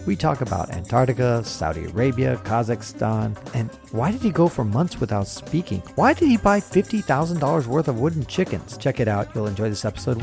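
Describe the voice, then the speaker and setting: An American man hosting a casual travel podcast, talking in an animated way and swearing now and then. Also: mid-range voice, creaky. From United States. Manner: animated, swearing, mimics others in quotes. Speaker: podcast host.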